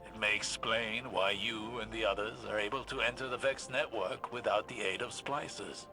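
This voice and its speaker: Here the grave, wary scholar-mentor of a video game drama is again played by a male actor whose speech is measured, formal and reflective. The voice is lowish and steady, only lightly acted, over background music.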